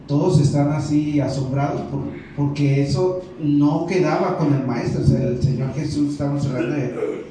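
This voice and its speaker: A man with a Mexican Spanish accent preaching a sermon as pastor, telling the story in a lively way and acting out the characters' lines. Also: fairly high pitch, a little hiss or hum. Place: church hall. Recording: echoey hall, mic far off.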